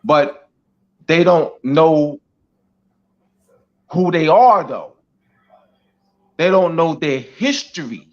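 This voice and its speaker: A man's voice: a little high, expressive, very slow, pauses often, a little mellow. A man speaking as a guest speaker in a teaching talk, emphatic and repetitive, with many "you know"s. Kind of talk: teaching talk on an online show. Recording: dull lo-fi audio.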